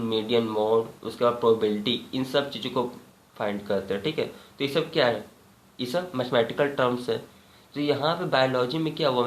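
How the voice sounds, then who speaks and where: A male biology teacher gives a classroom lecture. He asks a question, answers it himself, and keeps checking in with his listeners. The sound is echoey, with a light hum in the background. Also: medium pitch. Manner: repeats key points as questions, frequent "ठीक है" check-ins.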